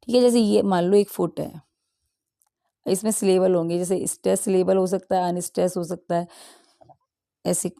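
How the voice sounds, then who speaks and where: Her voice is on the low side, steady, creaky and warm. This woman teaches English, working through a practice exam set and explaining every answer in Hindi blended with English while reading out the options slowly.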